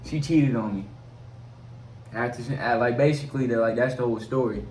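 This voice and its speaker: A man's voice: medium pitch, a little fast, darkish tone, far from the mic. A young man, a guest co-host who talks in a hesitant, rambling way full of fillers. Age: young adult. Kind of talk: casual chat. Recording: echoey room, off-mic, faint hiss.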